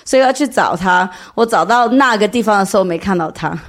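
A woman's voice: medium pitch, lively intonation, a little fast. A woman with a foreign accent telling a personal story informally in non-native Mandarin, searching for words and mixing in English. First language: not a native Mandarin speaker. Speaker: speaker giving a testimony.

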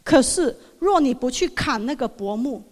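A woman's voice: high-pitched, lively intonation, a little mellow. Earnest woman testifying in a reverberant hall. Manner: earnest, halting, repeats words. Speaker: churchgoer giving testimony. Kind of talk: emotional religious testimony.

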